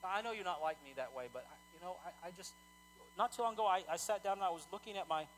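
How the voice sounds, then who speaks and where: A male pastor preaching a sermon in a conversational, animated way, often repeating words as he talks. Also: high-pitched, fast talker, faint music behind, low-quality recording.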